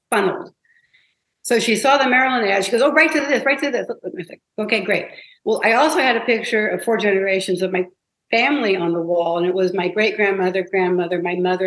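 Animated woman telling stories in a roomy space. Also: medium pitch. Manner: animated, emotional storytelling with many restarts. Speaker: guest, advertising copywriter. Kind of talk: interview storytelling. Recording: roomy echo.

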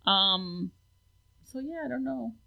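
An American-born woman in her forties speaks reflectively as a guest in a casual interview, using lots of ums and other fillers. Her voice is on the high side, expressive, slow, and gravelly, and the audio sounds dull.

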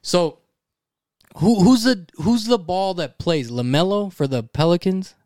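Young male podcast co-host, slightly high voice, animated storyteller, salty language, dry close sound. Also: measured pace, no echo. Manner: animated, swears freely, acts out voices in his story.

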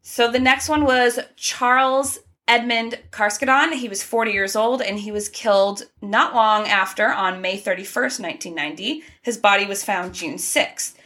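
A woman co-hosts a casual true crime podcast, reading the case facts in a chatty, conversational way with small asides and laughs. Her voice is medium-pitched with a sharp tone, at a moderate pace with hardly any pauses.

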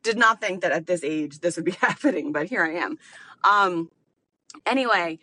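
On the low side but pushed and bright, this woman's voice is animated and moves at a normal speed. She's a podcast host in her late thirties, rambling candidly through a casual solo monologue packed with fillers.

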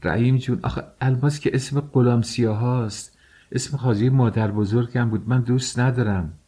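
A man's voice: medium pitch, animated, warm tone, slightly rough, pitched above the performer's own voice. A man voicing an anxious pleading young wife. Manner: pleading, hesitant. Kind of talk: audiobook character reading.

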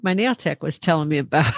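A woman's voice: deep voice, lively intonation, fairly quick, no echo, clean studio sound. A middle-aged woman in casual chat, telling a story and laughing often.

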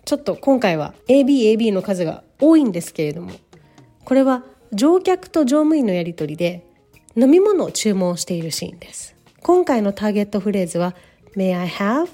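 A woman hosting a podcast English lesson, modeling pronunciation slowly and repeating words. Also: mid-range voice, sing-song, dark tone, soft background music. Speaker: English teacher. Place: lives in Canada.

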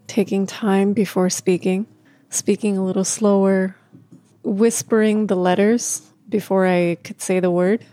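Slow, halting woman vlogger. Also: medium pitch, mellow, no echo. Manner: halting, with pauses and occasional stuttered restarts; candid and open. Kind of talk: personal talk to camera.

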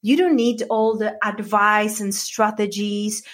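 A woman's voice: mid-range voice, flat delivery, unhurried, a bit bright. A woman from the Czech Republic with a Czech accent, a coach telling her story as a podcast guest, earnest and heartfelt. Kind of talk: podcast interview.

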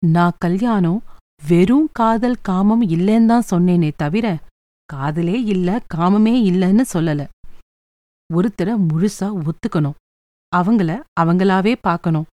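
A woman voicing a gentle, patient mother who gives calm, kindly advice in a storybook reading. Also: fairly low pitch, a little slow, no echo, natural voice. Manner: soft, reasoning, kindly.

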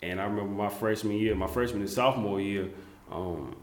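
A man's voice: lowish voice, brisk, reverberant. A man from South Carolina hosting a casual interview, rambling with many fillers and restarts. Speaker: interview host.

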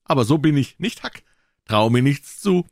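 A man voicing Tom, a boastful young boy who talks in a high, excited voice. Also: normal speed, no echo, studio quality, lightly acted.

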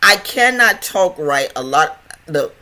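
With lively intonation and a pushed, bright mid-range voice, the host proceeds slowly. He is older and stutters, and his casual health podcast monologue meanders, full of restarts and repeated words.

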